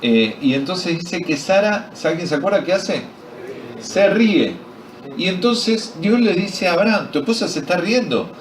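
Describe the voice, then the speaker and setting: A man's voice: sits high, expressive, measured pace, slight background noise. A man with an Argentine accent preaching a sermon at a men's retreat, quizzing his audience and joking as he tells the story. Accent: Argentine Spanish. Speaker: pastor. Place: retreat meeting hall. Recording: echoey hall recorded from far off.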